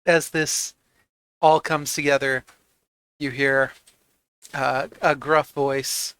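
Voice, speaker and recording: Slow, smooth-voiced man running a tabletop game. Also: medium pitch, level tone, a bit bright, dry recording. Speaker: game master. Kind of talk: narrating a tabletop roleplaying game.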